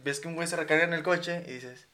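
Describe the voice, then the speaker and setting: A young man with a Mexican accent, co-hosting a casual podcast chat, telling stories in an animated, slangy way and laughing easily. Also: fairly high pitch, fast talker. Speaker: podcast co-host.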